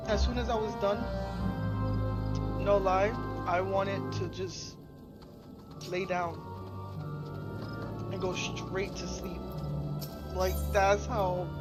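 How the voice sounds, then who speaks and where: A stuffed, sleepy game streamer chats casually with the stream, rambling and drawling. The talk comes out very slowly. Game music plays clearly in the background. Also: medium pitch. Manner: drawling, rambling, laughing often. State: stuffed and sleepy after eating. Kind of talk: casual live-stream chat.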